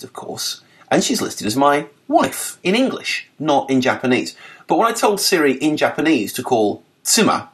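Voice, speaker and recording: A man with a medium-pitched voice narrates a written article for a podcast. His reading is lively and articulate, laced with dry wit.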